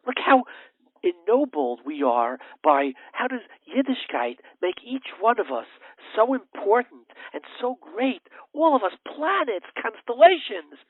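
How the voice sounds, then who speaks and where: A man hosting a religious radio talk show, telling a story with lively swings between loud emphasis and hushed narration. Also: very high-pitched, unhurried, no echo. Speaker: radio host. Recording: narrow phone-line sound, dry.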